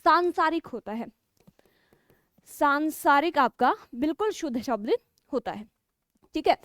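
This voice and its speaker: High-voiced woman teaching spelling. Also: animated, fairly bright tone, no echo, clean studio sound. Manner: explains step by step, keeps checking with 'ठीक है'; slows down to spell out key words. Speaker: Hindi exam-prep teacher. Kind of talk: spelling lesson for exam students.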